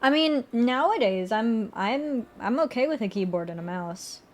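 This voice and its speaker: A woman's voice: on the high side, expressive, normal speed. A young woman streamer chatting casually while drawing, rambling and correcting herself, often laughing.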